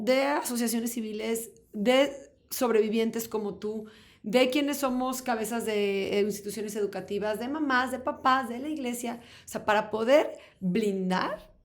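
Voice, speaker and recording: Woman host, fairly high voice, chatty, lots of fillers. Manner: affirming, many fillers. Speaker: podcast host. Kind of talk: conversational interview.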